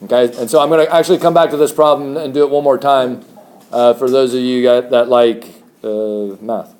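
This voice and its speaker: A man's voice: mid-range voice, fairly even intonation, brisk, a little mellow. A man teaching a math class, explaining steps in a chatty way and joking with students. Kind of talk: classroom lecture.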